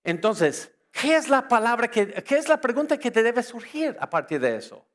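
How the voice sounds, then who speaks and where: A man whose first language is English, giving an apologetics lecture to a church audience, lively and joking, firing rhetorical questions at the crowd. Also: very high-pitched, moderate pace. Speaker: conference speaker.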